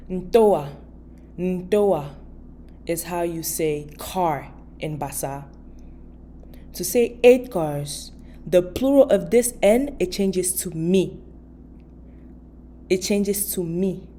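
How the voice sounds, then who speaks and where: A woman giving a patient, casual video language lesson, repeating each word slowly and explaining step by step. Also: lowish voice, mellow, a little hiss or hum. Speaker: language teacher.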